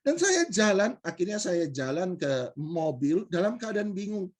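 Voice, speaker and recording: A man's voice: high-pitched, big pitch swings, unhurried. A male pastor giving a morning devotional, telling a personal story in a conversational way and addressing listeners directly.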